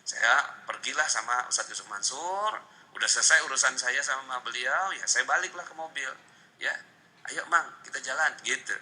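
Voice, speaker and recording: A man telling a personal story to a seminar audience, earnest and emotional, swinging between loud outbursts and near-whispers. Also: medium pitch, moderate pace, low-quality recording. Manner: addresses the audience repeatedly. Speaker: seminar speaker.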